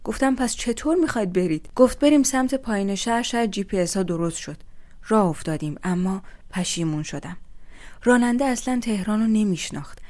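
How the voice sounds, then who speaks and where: A young woman telling a first-person story in a steady, reflective way. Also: mid-range voice.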